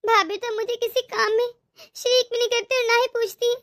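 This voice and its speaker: A woman's voice: extremely high pitch, level tone, fairly quick, dry recording, studio quality. A woman voicing a humble village woman who feels unwanted by her relatives. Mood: sad. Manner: soft, self-effacing.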